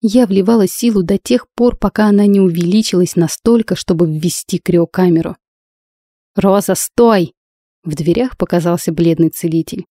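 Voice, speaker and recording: A woman's voice: on the low side, a little fast, hardly any pauses, mellow, dry recording. A woman narrating a first-person fantasy audiobook with intense, emotional delivery, recorded close to the mic.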